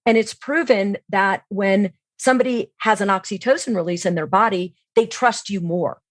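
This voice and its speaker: Her mid-range voice comes at normal speed with no room sound as she guests on a podcast from a remote online call. An expert in sales training, she explains things instructively, often putting questions forward and answering them herself.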